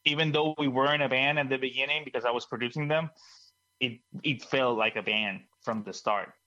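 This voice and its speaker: A man's voice: medium pitch, brisk, sharp tone. A man from Puerto Rico, a band singer and producer, answering casually, repeating words as he searches for them, on a dull lo-fi call line.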